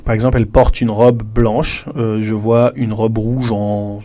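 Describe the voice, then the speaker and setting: A man's voice: on the low side, little pitch movement, unhurried, mellow. A man walking fellow teachers through classroom materials in a casual, chatty way, often addressing the listener informally. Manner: chatty, addresses viewer informally, many fillers. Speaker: French teacher trainer.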